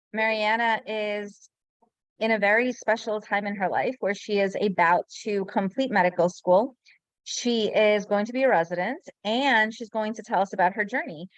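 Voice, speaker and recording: A woman's voice: mid-range voice, no echo. A woman hosting a video-call webinar, gushing and getting emotional as she praises a former student. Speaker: webinar host.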